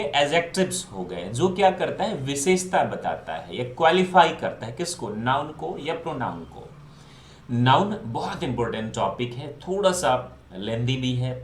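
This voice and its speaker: A man teaching English grammar in an online lesson, mixing English into his talk and often asking his class questions that he then answers himself. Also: mid-range voice. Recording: echoey room.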